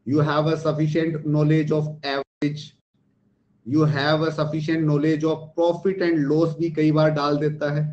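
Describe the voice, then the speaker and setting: Animated Indian man teaching online. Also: a little high. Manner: rhetorical questions, mixes Hindi and English. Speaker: online test-prep teacher. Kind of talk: live online class lecture. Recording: echoey, dull lo-fi stream.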